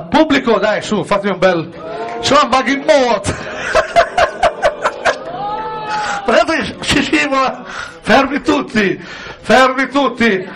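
Man, stand-up comic, high voice, bright, punchy audience jokes. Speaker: stand-up comedian. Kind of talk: stand-up comedy on stage. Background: audience laughter.

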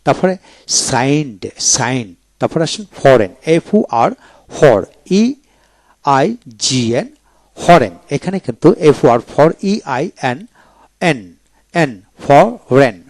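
A man teaching English pronunciation with a Bengali accent, repeating each word slowly and spelling it out letter by letter. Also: on the high side, darkish tone, no echo. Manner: slow and deliberate, spells words out letter by letter and repeats them. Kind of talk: spoken lesson.

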